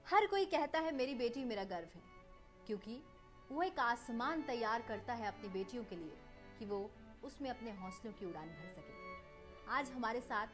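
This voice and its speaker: A woman hosting a TV interview, speaking in a formal anchoring manner and mixing in English phrases. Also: fairly high pitch. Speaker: TV host.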